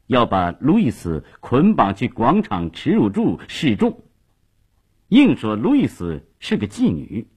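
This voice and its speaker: A man telling a long story on radio with dramatic, lively delivery. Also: lowish voice, husky.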